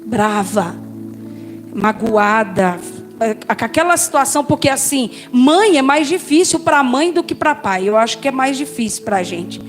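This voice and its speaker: Woman, Brazilian accent, pastor, high voice, lively testimony storytelling, soft music underneath. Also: a little slow. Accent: Brazilian Portuguese. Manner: lively storyteller, addresses listeners as brothers and sisters. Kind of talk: personal testimony in a sermon.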